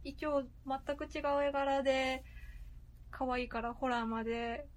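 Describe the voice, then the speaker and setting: A woman's voice: high voice, steady tone, unhurried. A woman talking casually and politely as a podcast guest, with a self-deprecating manner. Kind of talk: casual chat.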